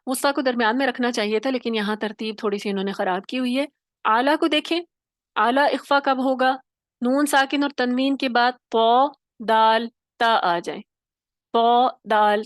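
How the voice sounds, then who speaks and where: A woman's voice: fairly high pitch, no echo, clean studio sound. A woman teaching Quran recitation online, who explains patiently step by step and keeps checking in with her students. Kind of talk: online tajweed class.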